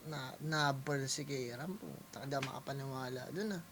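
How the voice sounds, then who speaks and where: A man reacting to a rap battle as a producer, excitable and swearing, often breaking into shouts. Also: medium pitch, a little fast, background noise. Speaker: reaction video host, music producer.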